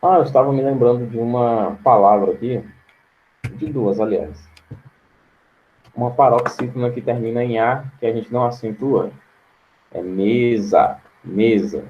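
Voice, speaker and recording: A male teacher with a Brazilian Portuguese accent giving an online grammar lesson, patient and slow, repeating words to his students. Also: medium pitch, steady tone, muffled recording, slight background noise.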